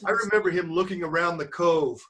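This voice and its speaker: Reading to children over a screen-sharing video call, this grandfather talks fairly quickly in a high, fairly bright voice. The older man regularly stops the story to chat, explaining words and confirming the kids are following along.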